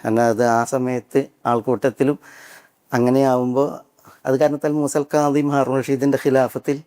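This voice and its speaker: A man with a Malayalam accent teaching a Quran commentary class. He asks his listeners questions and answers them himself, and chants Arabic verses slowly. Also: mid-range voice, little pitch movement, darkish tone. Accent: Kerala Malayalam. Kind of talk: Islamic religious class.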